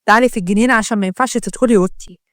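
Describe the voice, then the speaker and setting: A woman voicing a protective, tender young man with an Egyptian accent, gentle but quick to threaten. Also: on the high side, no echo, studio quality, natural voice. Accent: Egyptian Arabic.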